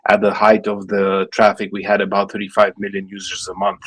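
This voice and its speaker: Speaking fairly quickly and in a monotone, this Romanian-accented guest has a lowish, husky voice with a slightly bright edge. He's a man in his late thirties from Romania who founded a gaming startup, and his fluent but non-native English answers to interview questions are full of fillers and restarts.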